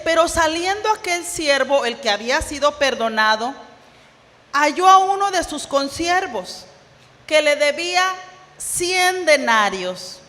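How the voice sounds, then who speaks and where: In a church sanctuary with the sound of a large hall, a woman pastor preaches in a high, pushed, bright voice. She retells a parable as a story, acting out its dialogue and putting rhetorical questions to her congregation.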